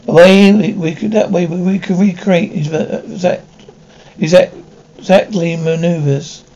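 A man's voice: sits high, fairly even intonation, normal speed, warm tone, highs cut off. A man acting out military pilots and other characters of a period drama, with a stumbling delivery full of restarts. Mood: tense banter.

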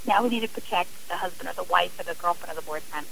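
On a low-quality recording with a little hiss or hum, a middle-aged woman guest on a radio interview talks fast about her own experience. Her voice is lowish and gravelly yet fairly bright. She speaks earnestly and from the heart, often restarting sentences.

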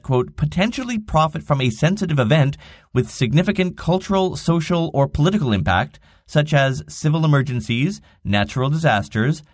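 A man's voice: medium pitch, no echo. A man hosting a daily digital marketing news podcast, reading the stories with wry, dry asides. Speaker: podcast host.

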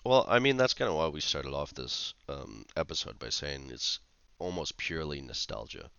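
A man's voice: rumbling low, expressive, normal speed, vocal fry, fairly bright tone, smooth, no room sound, lo-fi sound. A man co-hosting a podcast, chatting casually about a film in a hesitant, critical way with many fillers. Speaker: podcast co-host. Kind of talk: casual film review chat.

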